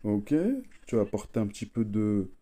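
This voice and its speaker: A man's voice: lowish voice, monotone, normal speed, dark tone. A man chatting casually as he plays a strategy game, slangy and repeating himself. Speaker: gaming video host, player. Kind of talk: casual chat while playing a strategy game.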